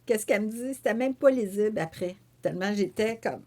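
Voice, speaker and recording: A woman with a Québécois French accent, a painter and author telling a story in an interview. She acts out her own quoted remarks and fills pauses with "euh" and "tu sais.". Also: medium pitch. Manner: animated storyteller who voices her own quoted remarks, with frequent fillers. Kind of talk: conversational storytelling.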